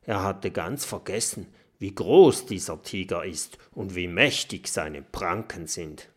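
A man narrating a children's story with expressive, unhurried storytelling. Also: low-pitched, husky. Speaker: audiobook narrator.

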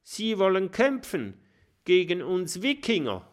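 A man voicing a blustering male Viking chief who bellows gruff orders in a storybook reading. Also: sits high, very animated, slow, pitched above the performer's own voice, heavily acted. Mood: scheming. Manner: shouting, gruff, bossy.

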